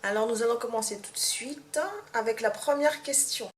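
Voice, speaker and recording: This vlogger, a young woman from Martinique, speaks in a higher register at a moderate pace, her Martinican accent clear as she talks to camera for a relaxed tag video. Her delivery is halting, full of fillers and false starts. Echo and a low background hum color the recording.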